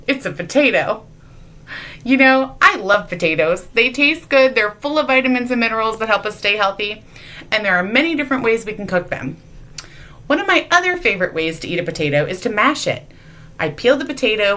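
Lively, bright-voiced woman teaching children. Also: mid-range voice. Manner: playful, teasing, asks the audience questions. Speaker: children's sermon leader. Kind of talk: children's object lesson. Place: church sanctuary.

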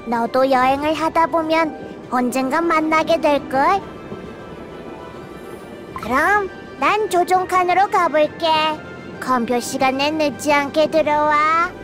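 An actress voicing a playful, chatty female conductor of a space train in a game story. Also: high-pitched. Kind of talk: scripted game story dialogue. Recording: music behind the voice.

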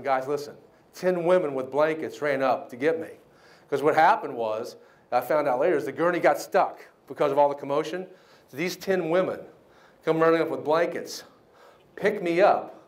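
A middle-aged man from the United States giving a keynote speech at a banquet. He tells a story with lively quoted voices and keeps checking in with the crowd. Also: on the high side. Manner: animated storyteller, acts out quotes, asks the crowd "right?". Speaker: keynote speaker.

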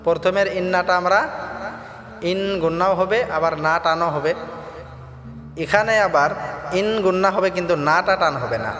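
A man teaching Quran recitation. He chants the verses slowly and melodically, then explains quickly in between. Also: high-pitched, a bit bright. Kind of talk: recitation lesson. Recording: roomy long reverb with faint background music.

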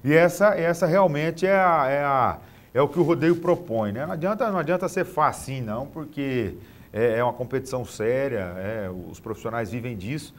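Brazilian man, halting as he searches for words. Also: mid-range voice. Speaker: rodeo announcer being interviewed. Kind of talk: casual TV interview. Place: TV studio, standing.

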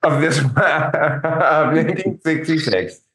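A man in his forties co-hosting a podcast over a video call, briskly reading out auction results and laughing easily. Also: on the high side, fairly bright tone, rough recording. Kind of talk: casual chat.

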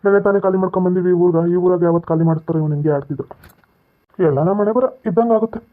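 Fast-talking man. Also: sits high. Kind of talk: aside to viewers in comedy skit. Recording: tinny phone-like lo-fi audio.

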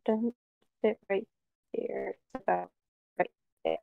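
A woman's voice: mid-range voice, wildly swooping pitch, vocal fry, phone-quality sound. Woman on a stuttering, buffering call. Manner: halting, clipped fragments cut by dropouts. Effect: choppy internet call audio that breaks up and stutters. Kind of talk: casual chat while playing a game. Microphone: online voice call.

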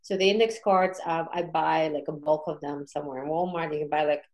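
Deep-voiced and brisk, with fairly even intonation, a woman tells a story from her own life on a podcast. The tone is informal and chatty, and she repeatedly checks in with questions.

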